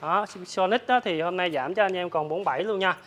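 A young man with a southern Vietnamese accent giving an informal, repetitive hard-sell pitch as a motorbike salesman, reeling off prices for buyers. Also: a little fast, fairly bright tone. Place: large open-sided motorbike warehouse. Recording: clear ambient noise of open warehouse.

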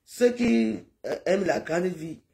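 A woman's voice: fairly low pitch, big pitch swings, slow, mellow. A middle-aged woman from Cameroon, talking in a rambling, pleading live-stream monologue that repeats itself.

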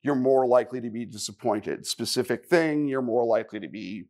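A man giving a live technical conference talk, conversational, with wry asides and quick questions to the audience. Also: medium pitch, darkish tone. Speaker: conference speaker.

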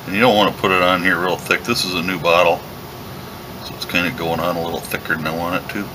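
Deep-voiced man explaining leather craft. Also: fast talker, background noise. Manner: relaxed, step-by-step explaining while working. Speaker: leatherworking instructor. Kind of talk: hands-on craft tutorial. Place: workshop bench indoors.

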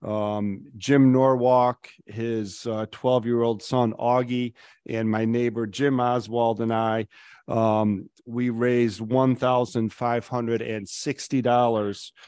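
A middle-aged man delivers a councilor's report from a table microphone in a council chamber. He rambles, filling pauses with ums, but sounds upbeat. His voice is mid-pitched and the sound is close and dry. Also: level tone, darkish tone, clean tone, dry recording. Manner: rambling, many ums, enthusiastic. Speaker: city councilor.

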